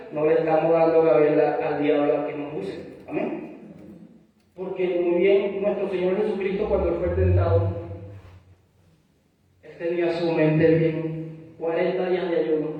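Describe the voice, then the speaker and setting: A Venezuelan man preaches earnestly in a high voice, punctuating his points with amens. He is picked up from a distance in a big echoing church hall, and the sound is dull and muffled. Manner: earnest preaching, frequent amens, acts out dialogue. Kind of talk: sermon.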